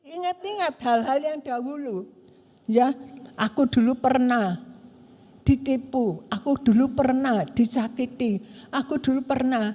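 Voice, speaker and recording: A woman pastor preaches in a high, mellow voice. She tells stories with animated energy and acts out the voices of the people in them. Her voice carries a long church-hall reverb. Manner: animated storytelling, acting out quoted voices. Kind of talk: sermon.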